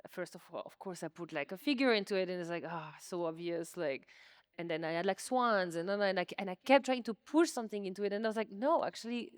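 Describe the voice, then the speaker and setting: Speaking fast in a mid-range voice, a French-native woman artist answers interview questions in a museum exhibition space. Her talk is informal and self-deprecating, hedged with frequent "likes," and the studio-quality audio has no echo.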